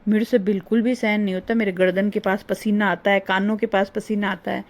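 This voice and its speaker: A middle-aged woman chatting through a casual vlog voice-over, rambling and homely, her voice a little hoarse. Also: medium pitch, little pitch movement, a little fast. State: slightly hoarse. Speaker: vlogger. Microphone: phone.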